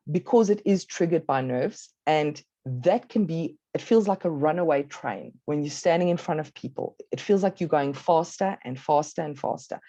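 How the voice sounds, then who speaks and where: A South African woman presents a workshop in a low, mellow voice, measured and instructive, leaning on key words. The sound is dry and close. The audio is dull and lo-fi, like an online talk. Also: dry recording.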